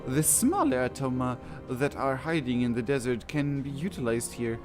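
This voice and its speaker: This gaming host has an animated, mid-range voice at a moderate pace. He chats casually while playing, reading out quest text and tossing in wry, deadpan remarks as game music plays underneath.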